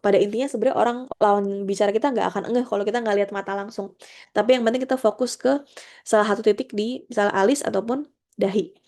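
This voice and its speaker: A woman's voice: medium pitch, darkish tone. A woman giving a friendly, conversational workshop on job interviews, talking through her slides. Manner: friendly, conversational, with English terms mixed in. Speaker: career trainer. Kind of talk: online workshop presentation.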